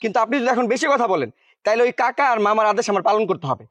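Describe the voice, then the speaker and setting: Nervous young tutor, fast, lively high voice, music under him. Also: male voice, no echo. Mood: defensive. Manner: pleading, quick excuses.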